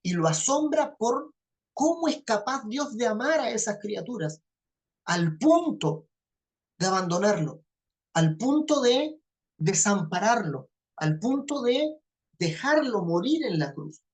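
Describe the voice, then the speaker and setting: A woman's voice: fairly high pitch, big pitch swings, takes it slowly, darkish tone. Lady giving a bible class lecture, keeps asking if ppl follow, repeats herself to drive it home. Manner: checks understanding with frequent "¿ya?"; repeats phrases for emphasis. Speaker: Bible teacher.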